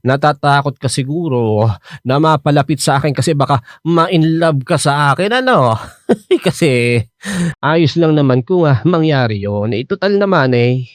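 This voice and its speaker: In a radio drama, an actor plays an older, playful Filipino womanizer who earnestly courts someone, speaking in a hesitant, coaxing way peppered with interjections. His voice is a little high and expressive, at normal speed and close to an everyday voice. The recording is dry and studio quality.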